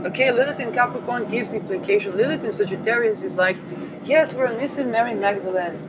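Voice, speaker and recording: A woman's voice: on the high side, a little fast. Woman astrology host, digressive monologue, dull muffled audio, vehicle noise behind. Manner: digressive, playful asides with frequent fillers.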